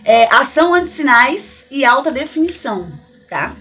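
A woman from Brazil talks straight to her viewers as friends while trying on makeup in her bedroom. Her voice sits a little high, and she gushes and chats freely in a casual beauty-vlog style. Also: very animated, normal speed, sharp tone. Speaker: beauty vlogger. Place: bedroom at home. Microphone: camera mic in a bedroom.

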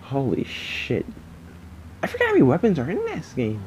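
A man's voice: on the high side, huge pitch swings, moderate pace, a little mellow, a little hiss or hum, low-quality recording. A man giving rambling, casual gameplay commentary, sleepy and yawning, swearing often. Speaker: gaming channel host.

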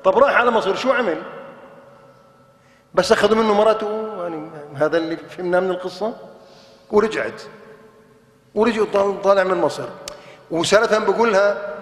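A man with a Levantine Arabic accent lectures on religion for television, arguing his point hard and piling up rhetorical questions. His voice sits high for a man. The sound carries a roomy echo with a long hall reverb behind it. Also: fast, long pauses. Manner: emphatic and argumentative, full of rhetorical questions. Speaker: religious scholar presenting a TV program.

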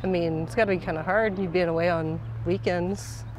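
Woman, interviewer, relaxed and teasing, lowish voice, outdoors, faint noise. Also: fairly quick, poor audio. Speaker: interviewer, friend. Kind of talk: casual interview chat. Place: outdoors on a bench beside a sidewalk.

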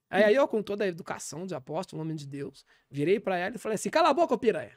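A brash, shameless apostle holds forth, as a man puts him on in a Brazilian Portuguese accent, deadpan and rambling with churchy asides. The talk races along at a fast clip. It is recorded close on a podcast mic in a dry, dead room. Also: high-pitched, no echo. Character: brash, shameless male pastor calling himself apostle. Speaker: comedian in character as a self-styled apostle. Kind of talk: deadpan comic character monologue on a podcast.

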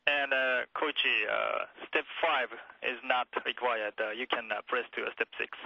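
A man, a ground controller, giving halting procedural instructions over a space-to-ground radio link. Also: medium pitch, fairly even intonation, vocal fry, no echo. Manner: halting, filler-heavy instructions. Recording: dry, muffled radio audio.

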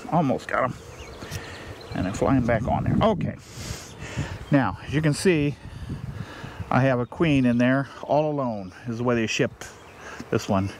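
A man's voice: mid-range voice, expressive, background noise. Plain-spoken man working a beehive outdoors. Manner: plain, unhurried, thinking aloud while working. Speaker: beekeeper. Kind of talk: casual how-to narration. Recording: faint outdoor ambience with buzzing bees.

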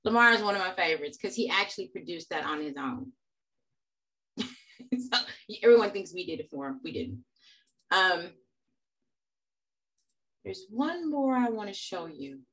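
A woman's voice: on the low side, very animated, moderate pace, pauses often, a bit bright, low-quality recording. A middle-aged woman, a supplier diversity manager giving an earnest, emphatic presentation over a video call. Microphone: video call webcam.

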